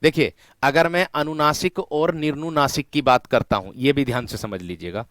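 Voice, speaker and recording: A man's voice: medium pitch, fairly bright tone, dry recording. A man teaching an online exam-prep class, repeating and drawing out key words and often calling his students friends. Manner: repetitive, drawn-out stressing of key words.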